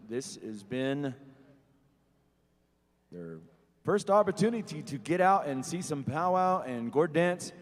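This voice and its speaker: A man with a fairly high-pitched voice emcees a powwow over a PA system. He addresses the crowd directly in a folksy, joking style. His words ring with long reverb in a big venue. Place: large echoing venue. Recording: long reverberant arena PA sound.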